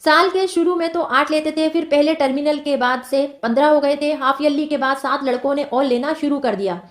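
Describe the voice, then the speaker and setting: A woman's voice: high-pitched, a little fast, lightly acted. A woman reading the lines of an upset, tearful schoolboy in a plaintive, complaining tone. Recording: roomy echo.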